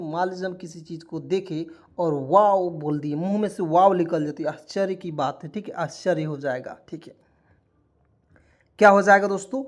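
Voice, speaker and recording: A man teaching a beginner online lesson, spelling words out letter by letter, repeating each point and quizzing his listeners with rhetorical questions while calling them friends. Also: high-pitched. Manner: keeps addressing listeners as friends.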